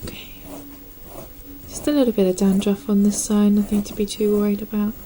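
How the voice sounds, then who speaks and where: A woman doing an ASMR role-play as a gentle, calm nurse, speaking in a soft, breathy half-soft voice with a reassuring manner. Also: mid-range voice, brisk, a little hiss or hum. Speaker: ASMR performer playing a nurse.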